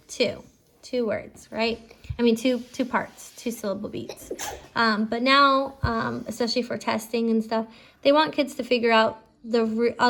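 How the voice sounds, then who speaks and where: A woman teaching a phonics lesson casually, giving slow school dictation with repeated words and prompts for a child. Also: on the high side. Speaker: home phonics teacher, parent-style instructor.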